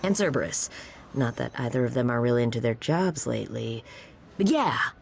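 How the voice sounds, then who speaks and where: A breezy, nonchalant guide in a Greek myth video game. Her voice is low and lively, and her delivery is offhand. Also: normal speed, gravelly, a little hiss or hum, exaggerated voice. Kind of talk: casual video game acting.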